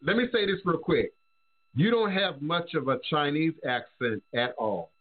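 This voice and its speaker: An American man hosting a casual discussion show, talking haltingly and repeating words as he reasons. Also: on the high side, lively intonation. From United States. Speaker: show host. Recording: dull, lo-fi call audio.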